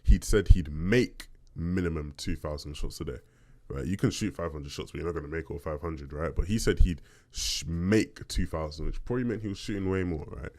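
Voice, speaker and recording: Man with a very deep bass voice. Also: brisk, hardly any pauses, warm tone. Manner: conversational, checks in with "right?". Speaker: podcast host. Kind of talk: casual solo talk, answering listener questions.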